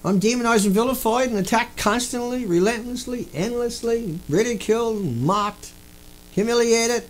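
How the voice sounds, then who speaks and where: A man delivering an angry, profane ranting monologue, repeating himself and bursting into shouts. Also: very high-pitched, low-quality recording. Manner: repetitive, profane, indignant. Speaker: video host.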